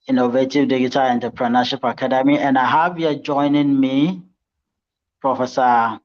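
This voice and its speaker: A man moderating a conference panel, slow and hesitant with many ums. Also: mid-range voice. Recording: dull lo-fi audio.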